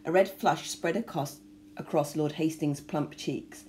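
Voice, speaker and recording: A woman reading a novel aloud with expressive storytelling. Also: low voice, a little slow, a little hiss or hum. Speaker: reader.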